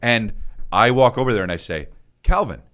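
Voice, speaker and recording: A man's voice: on the low side, brisk, a bit bright, clean tone. A man in his forties telling a story in casual chat, acting out voices and swearing, calling people "bro". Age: 40s. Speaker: podcast co-host.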